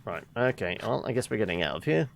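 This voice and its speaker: A gamer talks through play in a casual, muttering way. The voice has plenty of creak and a widely swinging pitch, shifting between commentary and reading dialogue aloud. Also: big pitch swings, fast talker, slight background noise.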